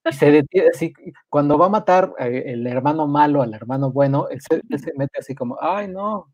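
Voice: mid-range voice, a little fast, a little mellow, lo-fi sound. A podcast co-host in a casual chat, wry and mocking.

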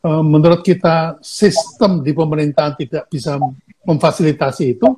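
A man gives advice in a calm, measured way. His voice sits a little high, and faint background noise runs under the recording. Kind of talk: casual conversation.

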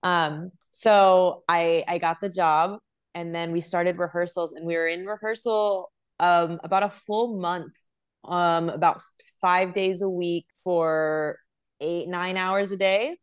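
Woman, dancer, interview guest, slightly low voice, eager, rambling. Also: fairly even intonation, slow, clear, resonant tone. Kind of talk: casual interview chat.

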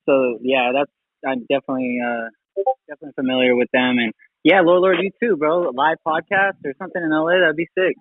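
A man's voice: fairly high pitch, steady tone, quick pace, no echo. A man calling into a live audio chat, talking in a laid-back, slangy, hesitant way, heard over a phone-like speaker line. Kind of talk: casual chat. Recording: tinny phone-like line, dry.

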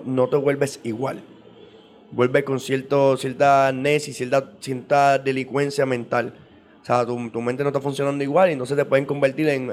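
A man explaining in casual interview talk, at length, with frequent repeats and restarts. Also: medium pitch. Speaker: guest on esoteric topics.

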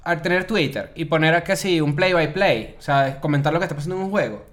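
A man's voice: on the high side, fairly quick, a bit bright. A man hosting a casual podcast chat, joking and steering the conversation toward the day's topic. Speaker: podcast host.

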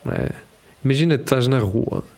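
A man with a European Portuguese accent in casual podcast chat, animated and slangy, laughing and acting out quoted voices. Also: medium pitch, fast, creaky.

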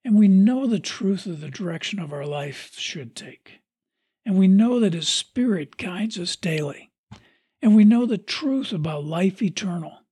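A podcast host reading a sermon aloud in a measured, earnest preaching delivery. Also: mid-range voice, lively intonation, dark tone, husky, dry recording.

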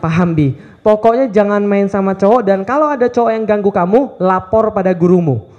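A man in his thirties preaching to a live audience in a lively, playful way, firing off rhetorical questions. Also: high voice, a little fast, dull audio. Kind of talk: lively youth sermon. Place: event hall with live audience.

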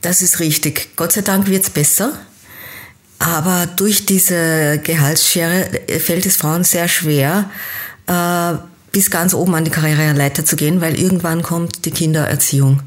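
A woman from Kenya speaks as an interview guest in a fairly low voice. She explains things at length and thoughtfully, often pausing to hesitate. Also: fairly even intonation. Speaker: interview guest, team-building coach.

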